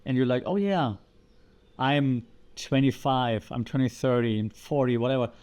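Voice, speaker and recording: A man hosting a podcast, explaining ideas in a lively way and asking the listener rhetorical questions. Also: medium pitch, normal speed, clear, resonant tone. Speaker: podcast host.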